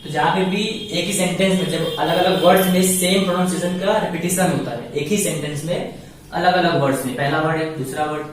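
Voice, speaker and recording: A man's voice: fairly high pitch, fairly even intonation, brisk, slight background noise. A man teaching an English grammar lesson online, explaining in a patient classroom manner and often asking questions aloud before answering them himself. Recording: echoey room, mic at a distance.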